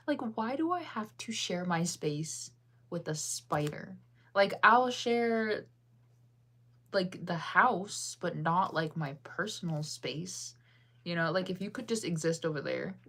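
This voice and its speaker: Young woman streamer chatting w her chat, low-ish voice, giggly and rambling. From United States. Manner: chatty, self-conscious, laughs often, answers chat. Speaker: livestreamer. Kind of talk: casual live-stream chat.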